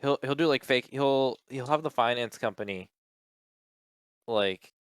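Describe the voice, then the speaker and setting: A man's voice: mid-range voice, unhurried, clean tone, dry recording, clean studio sound. A man co-hosting a podcast, telling a rambling story in casual chat, acting out quotes and swearing freely. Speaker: podcast co-host.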